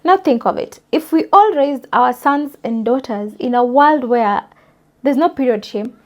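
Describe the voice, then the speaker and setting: A woman's voice: high-pitched, measured pace. A young adult woman hosting a podcast, speaking emphatically and directly to her listeners in a forthright solo monologue. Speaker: podcast host.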